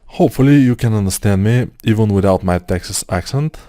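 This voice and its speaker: Working through a screen-recorded 3D modeling tutorial, a Bulgarian-accented man who speaks English as a second language thinks aloud, hesitating with fillers. His fairly low, mellow voice is animated and a little fast, recorded at studio quality without echo.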